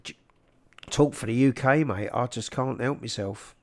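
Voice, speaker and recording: A man's voice: medium pitch, moderate pace. Casual South London man chatting on a livestream. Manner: informal and matey, calling people "mate". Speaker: livestream host. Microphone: large microphone up close.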